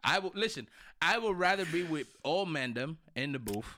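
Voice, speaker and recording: A man's voice: on the high side, lively intonation, normal speed, pushed and bright, a little hiss or hum. A man in a casual, profane chat, ranting insistently in street slang and repeating his phrases.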